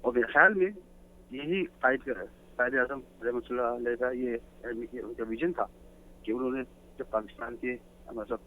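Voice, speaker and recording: A guest caller on a phone-in talk show, a man with a mid-range voice, earnestly lays out his views in a lecturing way. The telephone line sounds tinny, with a little hiss or hum.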